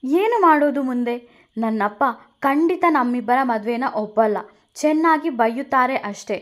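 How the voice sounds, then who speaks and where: A woman's voice: high-pitched, animated, normal speed, pitched above the performer's own voice. A woman voicing a young bride who is crying and bitterly reproachful. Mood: tearful. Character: young woman, tearful, angry new bride.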